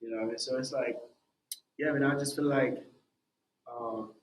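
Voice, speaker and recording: A man's voice: medium pitch, fairly even intonation, a little slow, slight background noise. A young man in a casual podcast interview tells his story with animation, dropping "bro" and "man" into almost every sentence. His voice sits in a middle register. It rings in a roomy, echoey space. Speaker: music artist guest. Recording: roomy echo.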